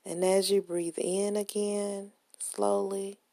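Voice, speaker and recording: A woman's lowish, mellow voice guides a relaxation meditation at a very slow pace, her level tone soft, gentle and soothing with a breathy, husky edge. She is recorded close up in a dry space, giving calm, unhurried instruction.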